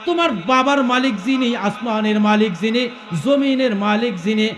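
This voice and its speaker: High-voiced chanting preacher man. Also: moderate pace, fairly bright tone, echoey room. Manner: calls out questions to the crowd and breaks into melodic chanting. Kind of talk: Bangla waz sermon, chanted storytelling.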